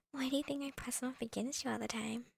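A young woman whispering softly and teasingly into a close microphone, breaking into little laughs, in an ASMR girlfriend roleplay. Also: high-pitched, creaky, slightly rough, no echo.

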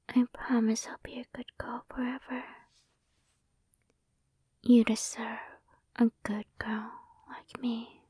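Young woman, breathy whisper, sweet and affectionate, slow, close mic, dry sound. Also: fairly high pitch, dry recording. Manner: soft intimate whisper. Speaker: ASMR performer. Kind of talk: ASMR roleplay. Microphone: close sensitive microphone.

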